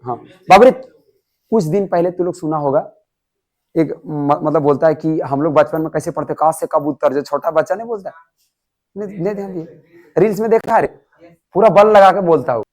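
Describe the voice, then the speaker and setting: A young man teaches a class about an English story, explaining it in an animated way and quizzing students over and over on whether they follow. His voice is fairly high and his pace moderate. The audio quality is poor.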